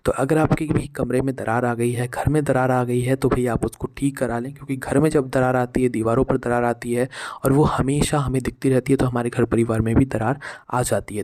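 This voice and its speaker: A man's voice: medium pitch, darkish tone. A man talking casually to his viewers, giving household advice in a repetitive, friendly way and calling them friends. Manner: repetitive, addresses listeners as friends. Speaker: vlogger giving household remedies.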